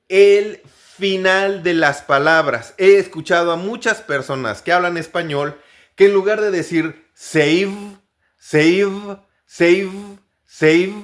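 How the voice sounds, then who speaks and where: A man from Mexico, speaking with a Mexican Spanish accent in a slightly high, somewhat bright voice, leads an English pronunciation lesson. He takes it slowly and repeats each word many times for practice.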